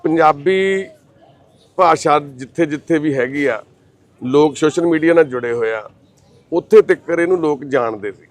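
A man with a somewhat high voice talks in a reassuring, caring way, calling people son and sister. He moves between consoling a family and appealing to an audience watching the video. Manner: warm, reassuring, calls others son and sister; recites prayer in a slow chanting voice. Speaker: social worker hosting the channel. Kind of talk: comforting talk and appeal to viewers.

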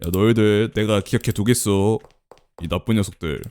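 A man giving chatty, excitable commentary while playing a horror game, exclaiming often. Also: fairly low pitch, normal speed, clear, resonant tone. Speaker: game streamer. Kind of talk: let's play commentary.

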